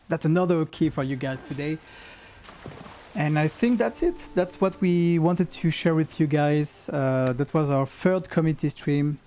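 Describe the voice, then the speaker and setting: A man's voice: a little high, mellow, slight background noise. A man co-hosting a live game community stream, chatting casually, chuckling and reading viewer comments aloud.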